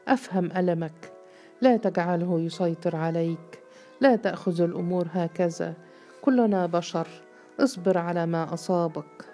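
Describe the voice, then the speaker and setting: A woman voicing a patient older sheikh who calmly counsels endurance. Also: high voice, normal speed, soft background music.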